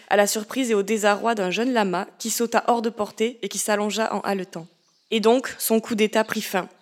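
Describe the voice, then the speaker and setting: A woman narrates a story in a measured, steady audiobook voice. Her pitch sits in the middle range.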